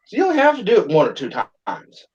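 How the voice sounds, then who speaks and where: A man with a high, wildly swooping voice and a darkish tone talks fast while hosting a livestream. He rambles through casual chat, making blunt, crude jokes. The audio is dull and lo-fi.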